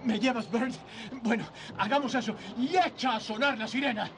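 A man's voice: very high-pitched, normal speed, noisy background. An actor playing an emotional middle-aged family man in a dubbed classic film, intense and pleading. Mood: joyful.

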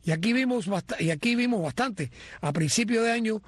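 A man's voice: sits high, expressive, brisk, breathy edge, no room sound. A man reading a prepared boxing report as a sports commentator. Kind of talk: sports news segment.

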